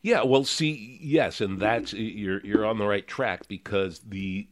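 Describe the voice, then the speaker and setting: A man's voice: on the low side, takes it slowly. A man co-hosting a produce show, casually explaining fruit varieties with a knowing manner. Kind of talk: casual chat tasting apples.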